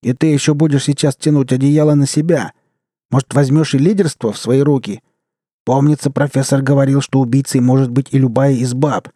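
A man voicing a rough, crude Siberian man in an audiobook, gruff and swearing. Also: medium pitch, steady tone, a little fast, dark tone, no room sound, studio quality, voice pushed up, close to an everyday voice. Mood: furious. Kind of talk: audiobook character reading.

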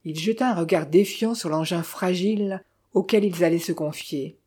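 A woman narrating a novel in a measured, even reading style. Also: lowish voice, slightly rough.

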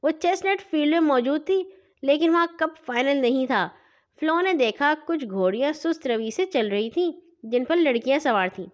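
A woman reading a children's story aloud in an expressive, lively way. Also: sits high, dull audio.

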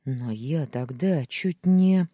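Young man pleading read by a narrator; husky, slow, animated delivery, dry booth. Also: medium pitch, no echo, muffled recording. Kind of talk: audiobook character reading.

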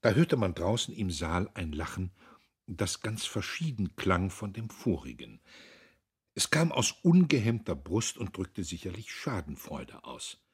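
A man reading a classic novel aloud in measured, dry storytelling narration. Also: low-pitched, very animated, slightly rough. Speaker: audiobook narrator. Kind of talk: scripted literary narration.

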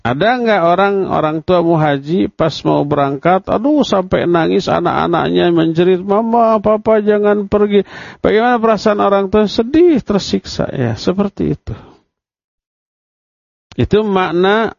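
This is a male preacher giving a religious study lecture. His voice sits fairly high and gravelly. He asks rhetorical questions and answers them himself, heard on a dull, dry lo-fi recording. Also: normal speed, no echo. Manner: acts out quoted speech of the dead and the family. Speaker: Islamic preacher.

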